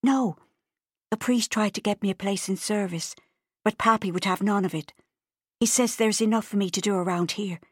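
A woman's voice: mid-range voice, moderate pace, husky, no echo, studio quality, pitched above the performer's own voice, natural voice. A woman reading an audiobook, voicing an anxious, polite fourteen-year-old farm girl. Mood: earnest.

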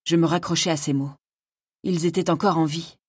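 Low-voiced woman reading a fantasy audiobook. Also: steady tone, moderate pace, husky, dry recording. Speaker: audiobook narrator. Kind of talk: scripted first-person fantasy narration.

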